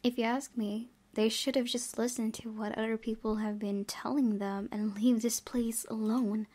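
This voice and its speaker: A woman's voice: fairly high pitch, flat delivery, normal speed. A woman reading a game's story aloud and adding casual commentary as she plays. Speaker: gaming video creator. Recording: loud background noise, game ambience.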